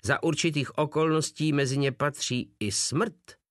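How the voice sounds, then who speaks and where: A man's voice: a little high, fairly bright tone, dry recording, studio quality, voice pushed up, natural voice. A man voicing a small, pompous old field marshal who spits out his words with contempt, in an audiobook reading. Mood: scornful.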